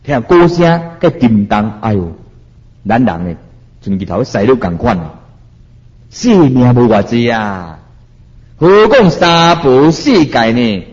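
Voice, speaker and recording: Man preaching a slow, lively Buddhist sermon. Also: mid-range voice, highs cut off. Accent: Taiwanese Hokkien. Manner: chanting verses slowly, then explaining with rising exhortation. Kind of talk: Buddhist sermon in Taiwanese Hokkien.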